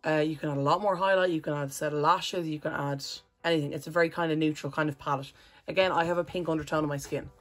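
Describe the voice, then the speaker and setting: Woman vlogger, low husky voice, chatty and rambling, faint music under her. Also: steady tone, fast, few pauses. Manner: chatty, rambling, self-correcting. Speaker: makeup vlogger. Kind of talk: casual makeup tutorial.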